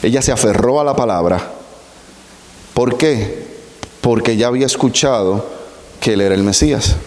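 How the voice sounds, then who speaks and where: A man preaching a sermon, explaining scripture slowly and deliberately with rhetorical questions. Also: mid-range voice, a little mellow. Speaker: pastor. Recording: roomy echo with long hall reverb.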